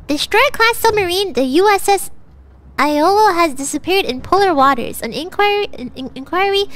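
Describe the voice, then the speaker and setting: Bubbly high-voiced woman streamer, stuffy nose. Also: animated, normal speed, fairly bright tone. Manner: bubbly, thanks viewers over and over, mixes in Japanese thank-yous. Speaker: livestreamer. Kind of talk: casual gaming livestream.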